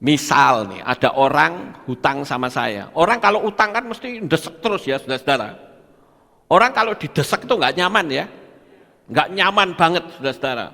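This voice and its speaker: Older pastor preaching hard, rhetorical questions, sharp voice in a big echoey hall. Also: male voice, on the high side, expressive, a little fast, vocal fry. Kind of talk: sermon. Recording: long hall reverb.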